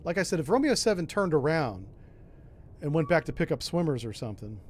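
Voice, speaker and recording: Guy with a slightly high voice playing a sub game, thinking out loud, rumble behind him. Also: sing-song, brisk. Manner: thinking aloud, mild exclamations. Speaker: gamer, host. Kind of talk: casual submarine game commentary.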